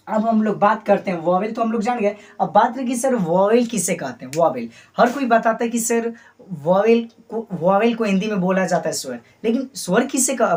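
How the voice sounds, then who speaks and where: A male English teacher giving a Hindi-language lesson, drilling letters by repeating them and prompting the class with rhetorical questions. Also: high voice.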